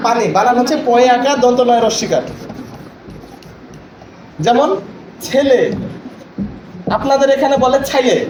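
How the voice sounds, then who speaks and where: A man's voice: very high voice, moderate pace, long pauses, darkish tone. A man training teachers in a classroom lecture, explaining with examples and often checking that the listeners understand. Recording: echoey room from far off, noisy.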